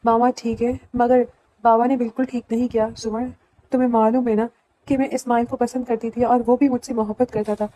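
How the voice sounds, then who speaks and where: A woman's voice: on the high side, level tone, dark tone, lightly acted, low-quality recording. A woman reading the lines of a tearful, fearful older sister in an audiobook, pleading and bitter.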